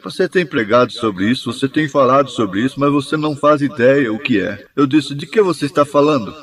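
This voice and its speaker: A man's voice: mid-range voice, brisk. Man reading a translated sermon evenly. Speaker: sermon interpreter.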